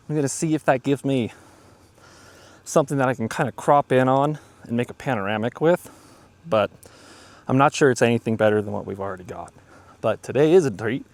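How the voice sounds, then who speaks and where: A man's voice: mid-range voice, a little mellow, dry recording. A man, a landscape photographer, casually and enthusiastically narrating an outdoor vlog in a mountain forest while shooting, recorded on a camera mic. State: out of breath.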